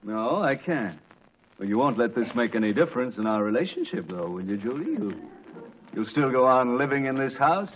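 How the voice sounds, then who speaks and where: A man's voice: medium pitch, sing-song, normal speed, slight background noise, lightly acted. A man playing a teasing, grumbling middle-aged father in a 1940s radio comedy, with dry, mock-formal sarcasm. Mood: dryly teasing. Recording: muffled vintage 1940s radio recording.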